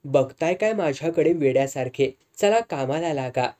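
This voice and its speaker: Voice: medium pitch, animated, normal speed, mellow, lightly acted. A storyteller voicing a brave young woman nurse who speaks firmly and gives orders. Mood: calm. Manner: firm, commanding.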